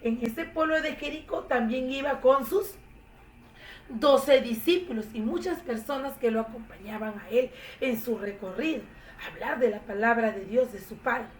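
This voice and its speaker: A woman telling a Bible story to children in an expressive, animated way. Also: a little high, normal speed, recorded from a distance. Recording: echoey room, faint noise.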